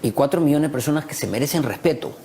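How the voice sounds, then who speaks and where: Quick-paced and lively in intonation, this Peruvian man's fairly high voice has a dark tone and a Peruvian Spanish accent. Guesting on a talk show, he argues passionately, proud and emphatic, repeating phrases to make his points stick.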